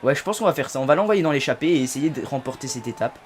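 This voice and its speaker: A man hosting a casual let's-play video, chatty and excitable, with sudden loud outbursts between low asides. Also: racing, a little hiss or hum. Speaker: gaming video host.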